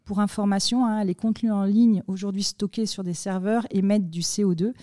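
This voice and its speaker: A woman explaining content marketing on a podcast in a measured way, with many fillers. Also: medium pitch, fairly even intonation, dark tone, dry recording, studio quality.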